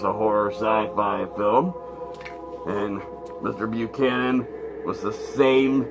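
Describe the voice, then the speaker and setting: A man presenting as a campy zombie horror host in vintage style, with gravelly, casual, rambling patter. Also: on the low side. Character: zombie horror host addressing his kiddies. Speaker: horror movie show host.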